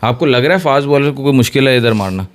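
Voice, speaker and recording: A man hosting a casual cricket chat, explaining tactics at length in an animated way. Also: medium pitch, quick pace. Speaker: cricket discussion host.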